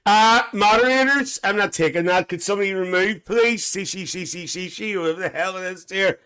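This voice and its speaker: A man hosts a live stream as a gossipy older aunty, reading comments and chatting bawdily with viewers in a comic way, calling them dear and laughing a lot. His voice sits high and sounds bright, forceful, and clean. He talks briskly.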